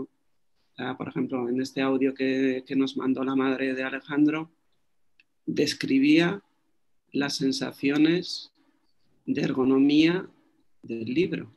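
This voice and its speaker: A man's voice: medium pitch, little pitch movement, a little slow, a little mellow, dull audio. A man with a Spain Spanish accent speaks in a video call. He talks animatedly and repeats phrases for emphasis. He mixes ideas with casual expressions.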